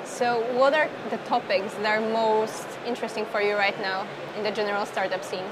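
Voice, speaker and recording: A woman's voice: mid-range voice, fairly even intonation, fairly quick, background noise. A woman interviewer asking plain, short questions.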